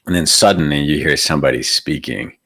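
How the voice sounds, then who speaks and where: A Venezuelan meditation teacher hosting a live stream gives a reflective spiritual talk, frequently posing rhetorical questions. His very deep voice moves fairly quickly and sounds pushed and bright, with no echo in the recording.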